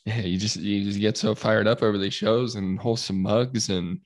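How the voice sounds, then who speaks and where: Easygoing low-voiced podcast guy. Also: fairly even intonation, normal speed, no room sound. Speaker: podcast co-host. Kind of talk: casual chat.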